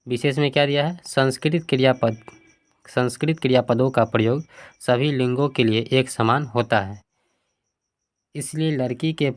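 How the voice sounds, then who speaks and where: Man, teacher explaining a textbook lesson, middle pitch, asks and answers his own questions, reads word forms aloud one by one, crickets chirping behind. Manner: asks questions then answers them himself.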